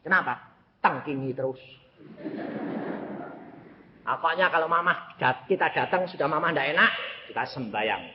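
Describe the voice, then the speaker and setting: A man preaching a sermon, telling stories and swinging between shouts and hushed asides. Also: on the high side, expressive, moderate pace, pauses often. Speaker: evangelist preacher. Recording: echoey hall, slightly dull, faint noise.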